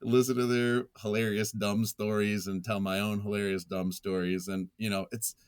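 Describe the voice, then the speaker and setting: A man with a lowish voice speaks at a normal speed in a level, smooth tone, recorded cleanly in a studio with no echo. He's a writer and journalist being interviewed, chatting casually in a goofy, self-deprecating way and chuckling often.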